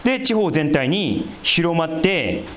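A man preaching a sermon as a pastor, explaining scripture in a conversational way and dropping into a lower voice for asides. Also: very animated, slow pace, fairly bright tone, roomy sound, slight background noise. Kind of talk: sermon, Bible exposition.

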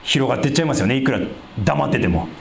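A man preaching a sermon as a pastor, explaining scripture in a conversational way and dropping into a lower voice for asides. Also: lively intonation, racing, creaky, reverberant, a little hiss or hum. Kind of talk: sermon, Bible exposition.

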